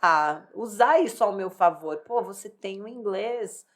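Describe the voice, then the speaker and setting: In a relaxed conversation, a woman in her thirties who competes in bodybuilding recounts her life, rambling candidly and often restarting or using fillers. She speaks at a medium pitch and a little slowly.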